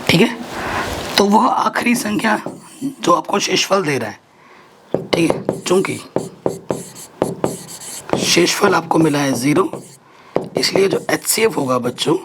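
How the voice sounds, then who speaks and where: A man's voice: a little high, noisy background. A man teaching a math lesson to students, walking through each step by asking questions and answering them himself.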